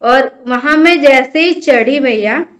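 A young woman with a high voice tells a long personal story in a conversational interview. She speaks earnestly, in a plain storytelling way. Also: slow. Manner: earnest, storytelling, addresses host as bhaiya. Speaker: guest devotee telling her experience.

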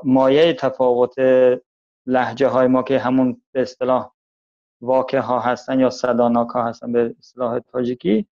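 A man from Tajikistan with a Tajik Persian accent, giving a thoughtful interview and slowing down to stress his points. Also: mid-range voice, darkish tone, lo-fi sound.

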